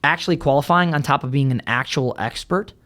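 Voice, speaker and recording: A man who founded an ad agency, a podcast guest telling blunt, fast stories full of "right?". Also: mid-range voice, sharp tone. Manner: blunt, fast storytelling with many "right?" tags. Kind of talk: casual podcast conversation. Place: podcast studio.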